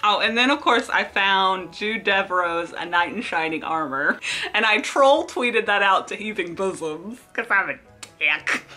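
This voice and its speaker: Bright, animated woman vlogger rambling. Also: mid-range voice, a little slow, soft background music. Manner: rambling, self-deprecating, lively asides. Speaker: book vlogger. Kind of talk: casual chatty vlog.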